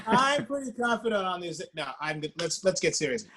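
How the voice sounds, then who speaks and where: A man with a notably high voice for a man, joining a comedy panel remotely as a columnist guest. He speaks deliberately, with wry, self-mocking deadpan asides. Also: noisy background. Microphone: remote video call.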